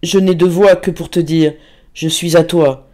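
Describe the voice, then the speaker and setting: A woman's voice: on the low side, steady tone, unhurried, mellow, lightly acted. A man reading aloud and voicing a tender, desperate young woman pleading with her lover in a storybook. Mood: passionate. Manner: pleading, passionate.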